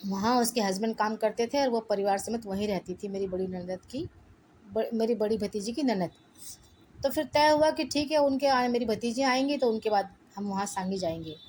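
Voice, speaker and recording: A woman's voice: on the high side, slight background noise, rough recording. Middle-aged woman telling a personal story. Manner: lively retelling, acting out quoted dialogue.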